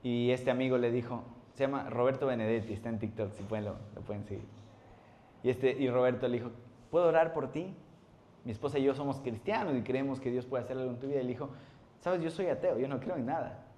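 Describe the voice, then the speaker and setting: A man, a pastor preaching a sermon in a church, telling stories with animated acted-out voices and frequent laughter. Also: medium pitch, fast, slight background noise. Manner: animated storytelling, acts out voices, laughs often.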